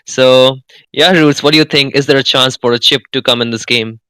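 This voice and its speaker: A man's voice: mid-range voice, steady tone, normal speed, bright, forceful tone, clear, resonant tone, dry recording, poor audio. A man co-casting an esports match in a casual, chatty way, breaking down the picks with joking asides. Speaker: esports co-caster. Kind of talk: esports color commentary.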